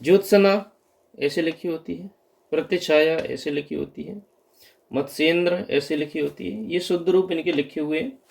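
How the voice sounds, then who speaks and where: Male grammar tutor, slightly higher voice, patient drilling delivery for exam prep. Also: normal speed, vocal fry. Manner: explains patiently, repeating correct and wrong forms. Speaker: teacher.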